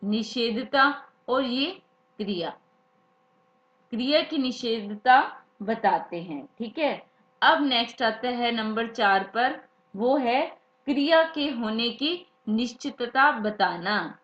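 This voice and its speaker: A woman's voice: fairly high pitch, lively intonation, slow, a bit bright. A woman teaching a grammar lesson, who repeats key words and asks them back to her students as questions. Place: classroom or study room, writing examples. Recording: echoey room, dull lo-fi sound.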